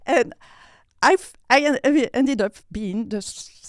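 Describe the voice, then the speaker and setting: A French-accented woman with a fairly high voice talks as an interview guest, native French speaker. She is animated and expressive, restarting words as she searches for them and now and then bursting into loud laughter. The sound is close and dry, with no room around it. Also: slow pace, dry recording. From France. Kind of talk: casual interview talk.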